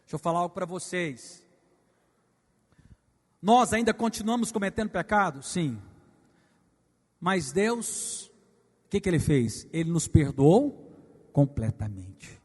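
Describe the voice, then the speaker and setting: Male preacher, high-pitched, call-and-response style, loud outbursts, long church-hall reverb. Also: sing-song, a little slow, pauses often, husky. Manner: call-and-response preaching, asks the congregation to repeat phrases; swings from soft asides to shouted exclamations. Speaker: pastor. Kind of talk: sermon.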